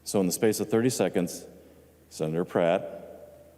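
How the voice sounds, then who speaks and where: Deep-voiced older man in a reverberant chamber. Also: mellow. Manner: measured, reflective, with dry humor. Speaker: departing state legislator. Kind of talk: farewell floor speech. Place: legislative chamber floor. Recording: long reverb of a large chamber.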